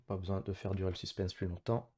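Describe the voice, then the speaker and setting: Deep, husky and a little mellow, this man's voice stays steady but talks fast. As he plays an online geography guessing match, he offers casual commentary on his own game, thinking aloud in hesitant, broken-up phrases.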